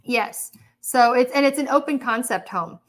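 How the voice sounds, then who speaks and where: Chatty lady hosting a livestream, laughs a lot, kinda high voice. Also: moderate pace. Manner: chatty, laughs often, reads out viewer comments. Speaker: livestream host. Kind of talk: casual livestream chat.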